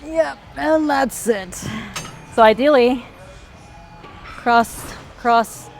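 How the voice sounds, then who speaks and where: Faint music sits behind a high-pitched woman speaking extremely slowly at the gym. As a fitness vlogger, she casually instructs viewers through exercises while doing them, slightly out of breath and letting out effortful sighs and exhales.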